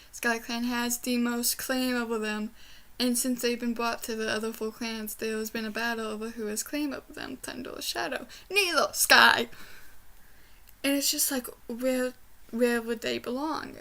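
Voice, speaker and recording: A young woman chatting casually in a rambling review vlog, with trouble saying her R's, which come out like W's. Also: fairly high pitch. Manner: trouble pronouncing R sounds, says w for r. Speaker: book reviewer. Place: small bedroom, indoors.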